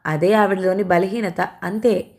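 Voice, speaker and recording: A woman's voice: medium pitch, fairly even intonation, a little slow, darkish tone, lightly acted. A woman voicing a troubled young husband, urgent and commanding. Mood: grieving.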